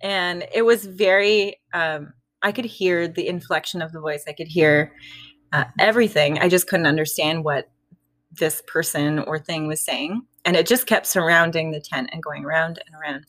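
A woman's voice: sits low, steady tone, moderate pace, a bit bright, dry recording. Giggly young woman telling a spooky tale. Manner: giggly, laughs between sentences. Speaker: storytelling guest. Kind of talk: casual spooky storytelling.

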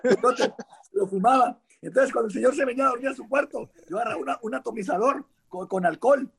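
A man with a Mexican accent telling lively stories in casual chat, acting out quotes. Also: very high-pitched, fast, gravelly, breathy edge. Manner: animated, laughing, acting out shouted quotes. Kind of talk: casual storytelling.

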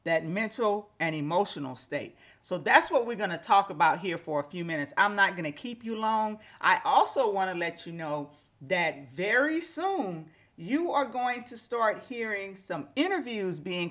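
A woman's voice: medium pitch, big pitch swings, unhurried, fairly bright tone. Woman podcaster with slightly slushy retainer speech. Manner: conversational, reflective, addresses listeners directly. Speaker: podcast host. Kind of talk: casual solo podcast monologue. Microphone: microphone with pop filter and windscreen.

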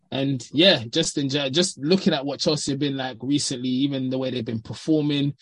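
Man, London roadman accent, slangy, slightly rough-edged voice, very dry close recording, casual chat. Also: medium pitch, fairly even intonation, moderate pace, a bit bright, no room sound. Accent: London, urban slang. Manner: slangy, informal. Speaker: podcast panellist.

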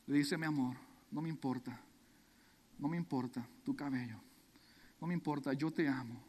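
A preacher acting out an anguished devoted husband, high, in a reverberant hall. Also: male voice, normal speed, fairly bright tone. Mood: tender. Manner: pleading, earnest.

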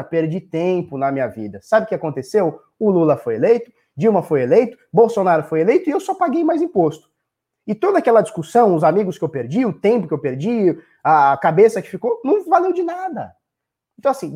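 Blunt, husky Brazilian man ranting. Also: on the high side, mellow. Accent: Brazilian Portuguese. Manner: blunt, swears freely, repeats points for emphasis. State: tipsy. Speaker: live streamer answering chat. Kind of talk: casual profane rant.

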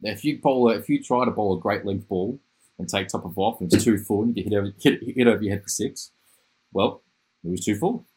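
A man's voice: lowish voice, fairly quick, darkish tone, husky, poor audio. A man hosting a casual podcast interview, talking enthusiastically and rambling, often restarting his phrases. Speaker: podcast host.

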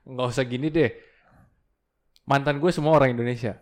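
A young man from Korea chats casually as a guest, speaking softly and haltingly. His pitch sits in an ordinary middle range, and he often pauses and hedges before he answers. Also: fairly even intonation. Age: young adult. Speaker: podcast guest. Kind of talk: casual chat.

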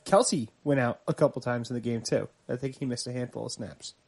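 A man's voice: medium pitch, fairly quick, gravelly, darkish tone, slightly rough. A man co-hosting a casual sports podcast, joking and rambling as he tells stories. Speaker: podcast co-host.

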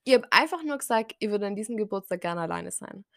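Woman in her twenties, casual podcast host, chatty, mid pitch, dry close sound. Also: lively intonation, quick pace, a bit bright, no room sound. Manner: chatty, acts out conversations in quoted voices. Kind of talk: casual solo podcast monologue.

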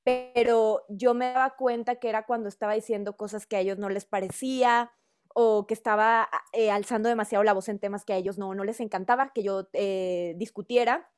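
A woman's voice: mid-range voice, fairly even intonation, brisk, darkish tone, smooth. A woman with a northern Mexican accent speaking earnestly and reflectively as a panelist. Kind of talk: panel discussion.

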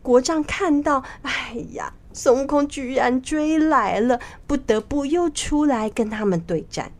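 A woman narrating a children's story in a slow, expressive way with drawn-out pauses. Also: high-pitched.

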